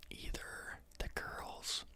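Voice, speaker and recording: Here an ASMR host who teaches shares a book reading followed by out-loud thinking. The whisper is soft and relaxed, broken up by lots of pauses and fillers.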